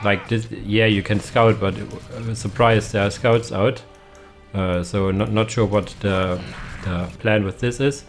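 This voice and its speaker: Casting note: young male game caster, lowish voice, halting casual delivery, faint music underneath. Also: fairly even intonation. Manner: hesitant, many fillers and restarts.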